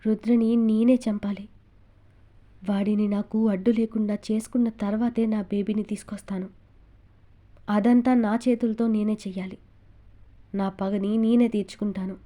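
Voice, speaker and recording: A woman's voice: mid-range voice, flat delivery, normal speed, long pauses, dark tone, natural voice. A woman voicing a stubborn, vengeful young man, bedridden and bitter.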